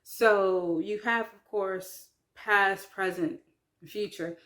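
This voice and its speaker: Slow, chatty woman vlogger. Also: mid-range voice, fairly even intonation, fairly bright tone. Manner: chatty, hesitant, with many fillers. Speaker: French learner vlogger. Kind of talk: casual vlog talk.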